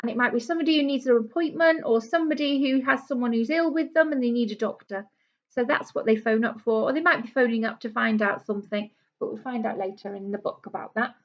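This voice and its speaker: Reading a storybook to young children at a quick pace, a primary school teacher with a fairly high voice uses simple explanations and asks her young audience questions. The recording comes from a small camera and sounds a bit dull and lo-fi.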